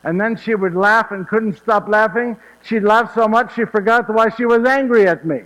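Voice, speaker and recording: Speaking at a normal speed in a high, fairly bright voice, a man takes on the role of old Joseph of Nazareth, a warm and talkative storyteller full of fondness. His delivery is folksy and laughing, with frequent "yes?" questions. It's a one-man stage monologue recorded with hall reverb.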